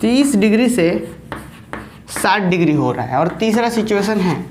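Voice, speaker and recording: A woman's voice: mid-range voice, big pitch swings, a little slow, darkish tone, a little hiss or hum. A woman maths teacher with a Jharkhand Hindi accent giving an online lecture. She explains step by step and keeps checking that students follow.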